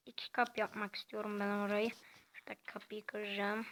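A woman giving casual, quiet gameplay commentary in a soft, halting way. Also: mid-range voice, flat delivery. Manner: talks quietly and softly; halting, hesitant delivery. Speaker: gaming channel host.

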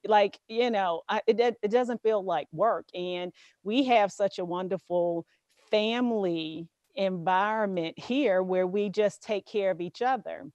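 A woman's voice: medium pitch, unhurried, darkish tone, no room sound, muffled recording. Southern woman interviewer, dry sound. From Southern US, Louisiana bayous. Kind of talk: casual interview conversation.

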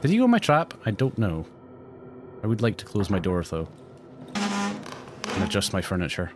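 A man streaming a horror game, talking to his viewers as he plays, jumpy and quick to swear. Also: on the low side, huge pitch swings, music in the background. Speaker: let's play streamer. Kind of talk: live gameplay commentary.

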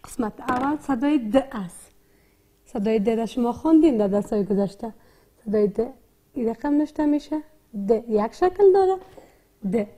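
A woman with an Afghan Dari accent teaches young learners to read. She has a high, soft, mellow voice. She breaks every word into its sounds and repeats each one patiently. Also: animated, long pauses. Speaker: primary school teacher. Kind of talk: slow, repetitive literacy lesson.

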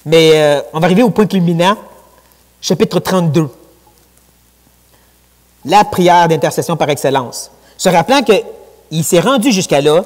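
A man with a Quebec French accent preaching a sermon in a church, lively and conversational, with colloquial asides. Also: fairly high pitch. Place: church sanctuary. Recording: long church hall reverb.

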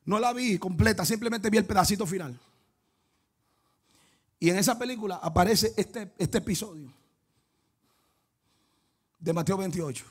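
High-voiced preacher shouting in sing-song. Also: male voice, normal speed, pauses often, husky. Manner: swings between quiet storytelling and shouted, sing-song preaching; calls out to the congregation and cries out "woo". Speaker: pastor. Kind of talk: preaching a sermon to a congregation.

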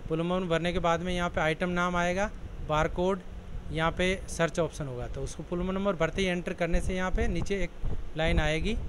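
A man giving a plain, step-by-step walkthrough of a software program's options, explaining each screen in turn. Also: on the high side, slight background noise, low-quality recording. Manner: plain explanatory, walks through options one by one. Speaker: software tutorial presenter.

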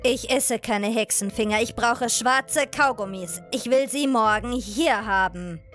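A woman's voice: on the high side, unhurried, a bit bright. A woman voicing a spoiled, demanding teenage schoolgirl in a cartoon dub, whining and wheedling. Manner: whiny, wheedling. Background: light background music.

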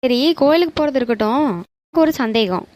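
A woman's voice: sits high, quick pace, a little mellow, a little hiss or hum, lightly acted. A woman voicing a nosy, teasing young female friend. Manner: teasing, probing.

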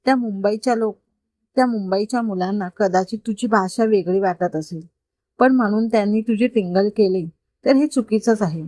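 Storybook mentor: woman reading a warm-hearted, confident man, gently explaining, mid pitch, dry sound. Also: normal speed, dry recording, natural voice. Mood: kind, coaxing. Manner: patient, gently persuasive explaining. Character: kind, confident grown man mentoring a boy. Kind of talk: storytelling read-aloud.

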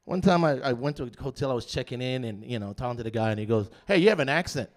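A man's voice: medium pitch, steady tone, quick pace, darkish tone. A middle-aged man from the Virgin Islands with a Caribbean accent, telling stand-up stories conversationally and acting out dialogue into a handheld microphone. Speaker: stand-up comedian. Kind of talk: stand-up comedy storytelling. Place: small comedy club stage, indoors. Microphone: handheld microphone held close to the mouth.

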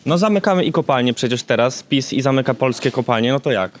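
A man's voice: mid-range voice, expressive, fast, a little hiss or hum. A man in his early twenties asking questions in a casual interview, somewhat hesitant and repeating his words. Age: early 20s. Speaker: street interviewer.

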